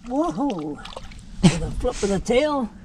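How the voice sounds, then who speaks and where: Wisecracking man with a high voice. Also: very animated, takes it slowly, background noise. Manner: dry, wisecracking. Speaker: guest fishing buddy. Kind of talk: casual chat while fishing. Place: outdoors on a boat on a lake.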